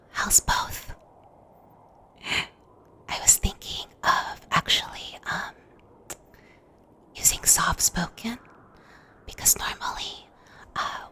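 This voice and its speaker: A woman streamer giving a soothing ASMR delivery, gentle and slow, moving between whispers and soft speech close to a USB mic. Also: deep voice, breathy edge. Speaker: VTuber streamer hosting an ASMR livestream. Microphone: close USB microphone.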